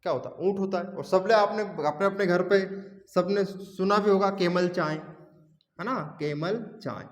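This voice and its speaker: A man's voice: high-pitched, a little slow. A male teacher, giving an exam-prep lesson. He keeps asking questions and answering them himself, calling students "beta". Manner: sings film song snippets as memory aids. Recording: echoey room, long reverb.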